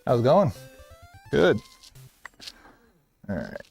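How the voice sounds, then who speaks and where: A man's voice: medium pitch, wildly swooping pitch, slow pace, creaky, a little mellow, breathy edge, faint music behind. A middle-aged man working as a shopkeeper, chatting casually with customers. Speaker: shop owner or clerk streaming.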